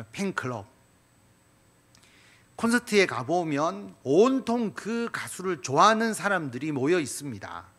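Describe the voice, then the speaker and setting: A male pastor delivers a sermon with a fairly high voice that rises and falls a great deal. He presses his points with emphatic appeals, and his sentence endings trail off quietly. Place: church sanctuary.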